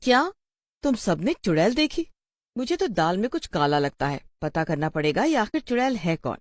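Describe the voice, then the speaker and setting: A woman's voice: mid-range voice, big pitch swings, normal speed, no echo, clean studio sound, close to an everyday voice. A woman voicing a middle-aged female schoolteacher in a storybook tale, scolding and questioning her pupils. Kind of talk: storybook voice acting.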